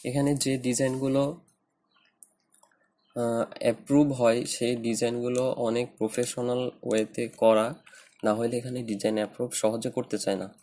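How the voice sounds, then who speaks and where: A man with a Bangladeshi Bengali accent teaching design principles in a tutorial, talking in a halting way with many fillers and restarts. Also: medium pitch, level tone, dark tone. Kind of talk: screen-recorded tutorial.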